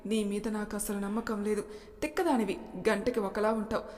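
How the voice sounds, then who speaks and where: A woman voicing a sharp-tongued young lover. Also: mid-range voice, fairly even intonation, brisk, close to an everyday voice. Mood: angry, mocking. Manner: sharp, mocking, then tender. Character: angry teasing young man, lover. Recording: long reverb.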